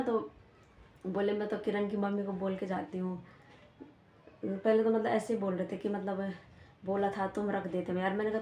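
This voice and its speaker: A young woman with a Pahadi Hindi accent tells the story of a squabble in a casual, running vlog style. Her pitch stays fairly flat, and her voice sits in an echoey room with faint background noise. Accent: Uttarakhand Pahadi Hindi. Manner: chatty, retells a quarrel with many "I said" asides. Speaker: vlogger.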